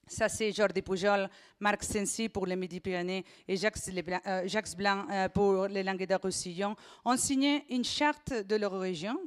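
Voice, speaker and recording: A woman speaking with a foreign Catalan accent, giving a prepared speech from notes in a slightly nervous, hesitant manner. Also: mid-range voice. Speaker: secretary general of a Euroregion body, invited speaker.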